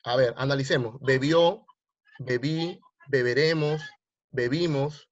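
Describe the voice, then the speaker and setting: A man's voice: mid-range voice, slow pace. A male teacher, teaching grammar online and quizzing his students with repeated questions. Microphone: video call. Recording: lo-fi online class audio.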